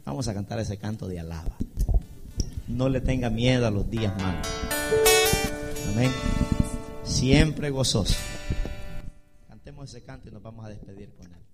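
A man preaching a sermon as a pastor, emphatic and rising loud when he quotes scripture. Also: fairly low pitch, moderate pace, pauses often, over loud music.

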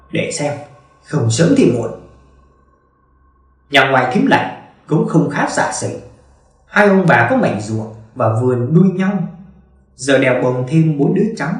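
A man narrates a ghost story with a dramatic, expressive delivery. His voice sits a little high and swings widely in pitch. It is picked up from a distance in a strongly echoing room. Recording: very echoey room, distant mic.

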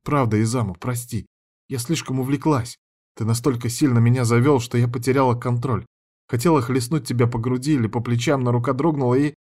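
A man reading an audiobook voices a submissive adult woman who is a school director, talking softly and pleading. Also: mid-range voice, fairly even intonation, brisk, lightly acted. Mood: remorseful.

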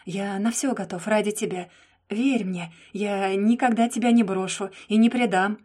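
A woman's voice: mid-range voice, steady tone, moderate pace, a little mellow, natural voice. A woman reading the part of a jealous, devoted young man in an audiobook, pleading and insistent.

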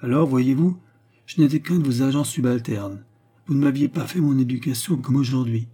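A man voicing a polite young gentleman rogue who speaks in a deferential, composed way. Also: medium pitch, moderate pace, breathy edge, close to an everyday voice. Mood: pleading.

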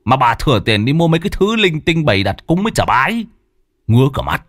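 A man voicing a drunk, abusive young son who sneers and shouts at his mother. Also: mid-range voice, big pitch swings, fast talker, dry recording, studio quality, voice pushed up. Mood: sneering rage.

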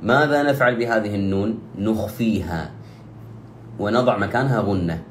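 A man teaching Quran recitation rules, explaining steadily and slowing down for drawn-out recited examples. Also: on the low side, reverberant, slight background noise. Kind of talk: tajweed lesson with slow demonstrations.

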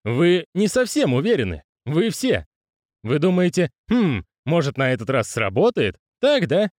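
A wily young con man, as a narrator puts him on, voice pushed high and mocking. He jabs at his listeners with theatrical accusations. Dry, close sound. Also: wildly swooping pitch, measured pace, darkish tone, no room sound. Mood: taunting.

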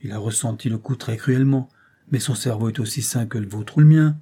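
A man as a grave young gentleman. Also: mid-range voice, brisk, husky, lightly acted. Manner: grave, indignant. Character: earnest young gentleman lawyer.

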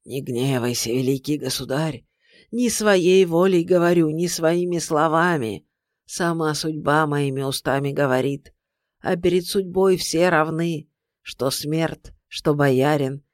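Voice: mid-range voice, dry recording, studio quality, close to an everyday voice. A reader voicing a grave blind old sorcerer. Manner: slow, weighty, solemn. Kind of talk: audiobook character voice.

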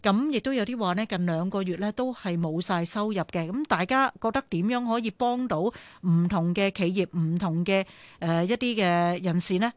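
A Hong Kong woman hosts a radio call-in show in a mid-range voice, steady and measured as she recaps and asks questions. Her voice is close and dry, with no room sound. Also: mid-range voice, dry recording. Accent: Hong Kong Cantonese. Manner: measured, sums up callers' points. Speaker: radio talk show host. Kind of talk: phone-in show hosting.

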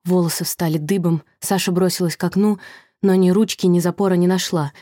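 A woman narrating a thriller audiobook in a measured, tense way. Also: fairly low pitch, little pitch movement, mellow, no echo, clean studio sound. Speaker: audiobook reader.

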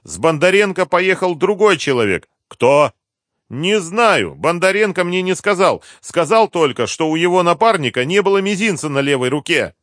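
A cornered driver squeals his denials in a strained, high, panicky pitch, as a male reader acts him out. The character voice rises and falls sharply. The recording is dry and close. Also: very animated, normal speed, fairly bright tone, dry recording. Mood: frightened. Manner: shrill, frantic, high-pitched pleading. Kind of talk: audiobook character voice.

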